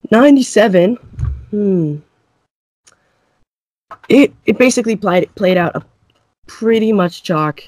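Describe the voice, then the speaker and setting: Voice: mid-range voice, animated, takes it slowly, pauses often, a little mellow, dry recording. A co-host in a casual sports chat who thinks aloud hesitantly and often agrees. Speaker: podcast co-host.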